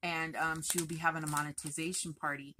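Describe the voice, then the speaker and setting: A woman crochet vlogger talking in a chatty, rambling, expressive way to her viewers. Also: low voice, fast, a little hiss or hum. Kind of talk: casual chatty vlog.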